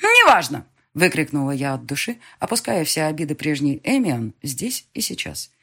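A woman narrating a first-person story in a low, husky voice. Her delivery is lively and sardonic, swinging widely in pitch. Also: normal speed. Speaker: audiobook narrator.

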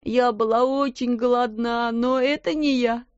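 Tearful hungry servant girl, high and pleading , voiced by a woman; muffled storybook audio. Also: moderate pace, no echo, lightly acted.

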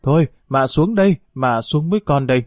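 A man's voice: mid-range voice, animated, normal speed, mellow, slightly rough, no echo, clean studio sound. A man reading the part of an old peasant mother, fierce and grieving, in a pleading, scolding voice. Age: older.

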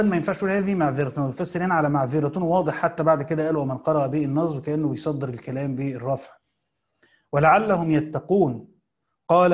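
A man with an Egyptian Arabic accent teaching Quran commentary, reading passages slowly and then explaining them in quick colloquial asides. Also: fairly high pitch, darkish tone.

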